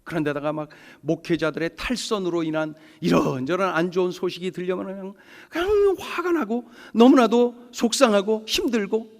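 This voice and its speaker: A man's voice: high-pitched, expressive, moderate pace, hardly any pauses, in a large hall. A man preaching a Sunday sermon as pastor, emphatic, often putting questions to the congregation. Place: church sanctuary.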